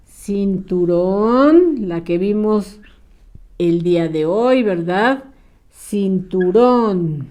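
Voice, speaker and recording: A woman teacher dictating sentences to young children word by word, pausing patiently and encouraging them as they write. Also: mid-range voice, darkish tone. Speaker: primary school teacher.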